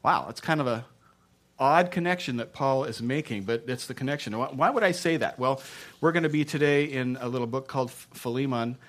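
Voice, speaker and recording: Texan male pastor, jokey and animated sermon delivery, middle-pitched voice. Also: a little fast. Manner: jokey, animated, many restarts and fillers.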